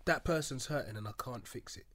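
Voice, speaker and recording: A man's voice: medium pitch, brisk, a bit bright. A man speaking as a guest on a casual podcast, telling a long personal story earnestly and acting out what others said. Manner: earnest storytelling, acts out voices in quotes. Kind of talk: casual chat.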